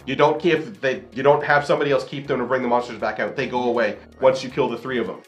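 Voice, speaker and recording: A man's voice: medium pitch, fairly even intonation, fast talker, highs cut off, faint music behind. A man hosting a board game review, reading out rules and explaining them in his own words.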